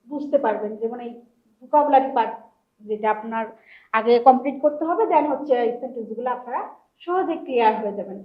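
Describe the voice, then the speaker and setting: A woman's voice: high-pitched, highs cut off. A woman teaching a recorded language lesson, explaining step by step and sounding out syllables one at a time, with frequent fillers.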